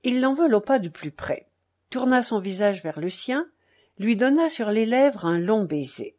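Slow, expressive woman narrator. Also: fairly high pitch. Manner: measured, expressive. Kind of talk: audiobook narration.

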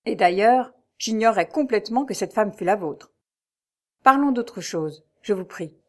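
A woman's voice: mid-range voice, lively intonation. Woman reading as a grave, haunted nobleman. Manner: sombre, halting confession. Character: haunted middle-aged nobleman, grave and fearful. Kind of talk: audiobook reading.

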